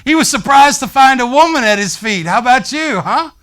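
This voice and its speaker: Bright, high-voiced male pastor preaching. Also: brisk. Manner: animated, conversational, talks straight to the congregation. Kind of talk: sermon. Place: church sanctuary.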